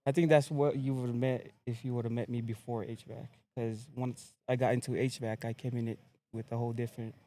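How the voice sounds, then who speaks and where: A young man from American Samoa, a podcast guest telling his story in a relaxed, laid-back casual chat. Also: medium pitch, a little fast, a little hiss or hum.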